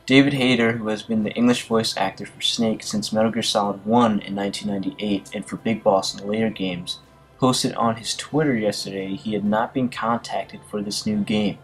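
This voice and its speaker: A man with a somewhat low voice talks through gaming news in a relaxed commentary style. He reads passages aloud and keeps stumbling into fillers and small restarts. Soft music plays faintly behind him. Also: normal speed, rough recording. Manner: hesitant, frequent fillers and restarts. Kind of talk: casual news commentary, reading articles aloud.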